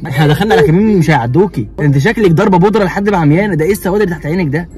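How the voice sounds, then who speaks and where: A man's voice: high-pitched, very fast, a crowd in the background. A young man with an Egyptian accent, bantering and teasing his wife in a car, swearing oaths and laughing. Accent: Egyptian Arabic. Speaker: vlogger, husband. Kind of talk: prank vlog banter. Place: inside a car.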